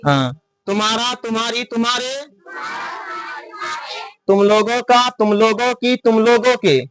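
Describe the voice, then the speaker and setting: A teacher stands before his class and drills them in a slow, repetitive rhythm. He spells words letter by letter and throws questions back at the students for them to answer. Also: very high voice, a crowd in the background, background noise. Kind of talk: classroom lesson.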